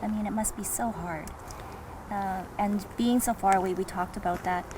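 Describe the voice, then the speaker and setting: A woman hosting an interview, asking soft-spoken, sympathetic questions. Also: mid-range voice, fairly even intonation, moderate pace, noisy background. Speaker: host. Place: home.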